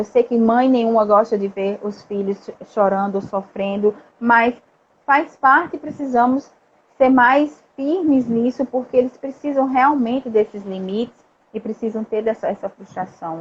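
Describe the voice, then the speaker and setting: A woman in a casual live chat telling a story in an animated way. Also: on the high side, moderate pace, breathy edge. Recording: dull lo-fi live stream audio.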